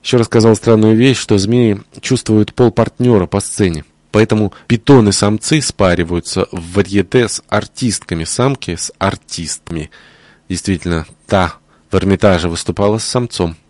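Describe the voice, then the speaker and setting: A man reading a diary aloud in the first person, measured and expressive, on a close studio mic. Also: lowish voice, no room sound. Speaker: audiobook reader. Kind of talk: scripted narration of a diary.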